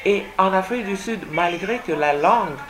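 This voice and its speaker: A Congo-born woman whose first language is French answers a radio interviewer's questions as a guest author. Her mid-range voice moves at a moderate pace, but she hesitates often, filling gaps with fillers and repeated words.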